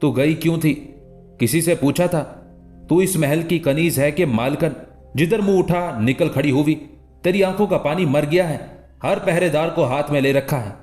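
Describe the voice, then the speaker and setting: A man reading an audiobook, voicing a noblewoman who shouts and scolds a servant. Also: on the high side, normal speed, soft background music, close to an everyday voice. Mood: scolding. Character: shrill scolding noblewoman, the governor's wife. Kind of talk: audiobook character voice.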